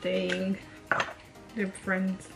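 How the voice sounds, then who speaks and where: Young woman reacting to her sis's story, quick comments, music going behind. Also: medium pitch, completely flat delivery. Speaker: guest. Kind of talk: casual chat.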